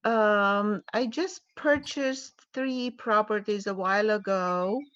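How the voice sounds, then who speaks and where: A woman from Romania calling into a live Q&A, speaking slowly and carefully with many pauses. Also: mid-range voice, fairly bright tone, no echo, highs cut off. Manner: slow, careful, hesitant with fillers. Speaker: caller asking about a note. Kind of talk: live Q&A call.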